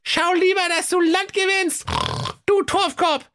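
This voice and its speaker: A man voicing a bold, mocking little female pig in a comic storybook reading, in a shrill, taunting falsetto. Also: steady tone, measured pace, a bit bright.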